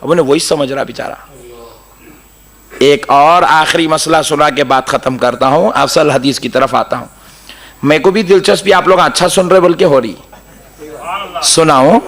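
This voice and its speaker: A man's voice: a little high, normal speed, fairly bright tone. A man with a Hyderabadi Urdu accent giving a humorous sermon, telling stories, mimicking others and chanting Quran passages. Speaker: preacher.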